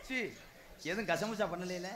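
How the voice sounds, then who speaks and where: A man performing stage comedy in a village drama, teasing and loud, bantering with laughs. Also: high voice, fairly even intonation, normal speed. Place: outdoor village stage with a crowd. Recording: live stage with crowd noise.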